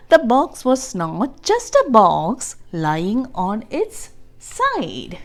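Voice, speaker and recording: A high-voiced woman hosts a children's storybook reading, telling the tale expressively and deliberately. She pauses to explain things and ask her young listeners questions.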